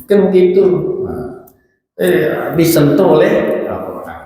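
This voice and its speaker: A man's voice: fairly high pitch, sing-song, slow, warm tone, a little hiss or hum. A male religious teacher, giving an informal study talk to women. He talks in a chatty way, teases his listeners and addresses them directly. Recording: very echoey hall with long reverb.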